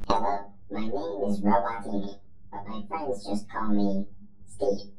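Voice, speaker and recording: A man's voice: lowish voice, monotone, a little slow, close to an everyday voice. A man voicing a cheerful male robot magician who presents tricks with upbeat showman patter. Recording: roomy echo with faint music.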